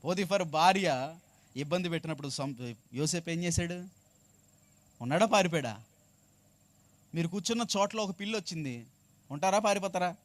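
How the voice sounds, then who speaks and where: High-voiced preacher with a dry close sound. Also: male voice, moderate pace, long pauses, no room sound. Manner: call-and-response preaching, asks the congregation to repeat; swings from hushed to loud and emphatic. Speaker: pastor. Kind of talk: sermon.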